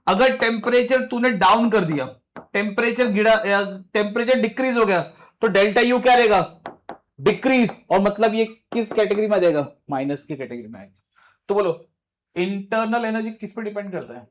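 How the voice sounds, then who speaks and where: A male physics teacher with a voice that sits high lectures at a brisk clip, firing questions at his students. His manner is informal and direct, much like a coaching-class instructor.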